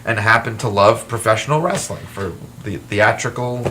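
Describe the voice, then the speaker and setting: Against a noisy background, a man with a fairly low voice speaks at normal speed as a guest in a casual talk-show interview. He's an author and wrestling historian who tells animated, self-deprecating stories with many restarts.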